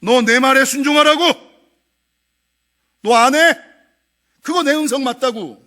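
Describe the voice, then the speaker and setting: A man voicing a stern, commanding divine voice in a sermon story, slow and weighty. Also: a little high, sing-song, fairly bright tone, voice pushed down. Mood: scolding.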